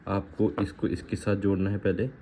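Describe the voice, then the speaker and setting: A deep, dark-toned Indian man speaks at a moderate pace with little pitch movement as he casually unboxes and installs gear for a review vlog. He talks informally, drifting between Hindi and English, and the audio is muffled and lo-fi with faint background noise.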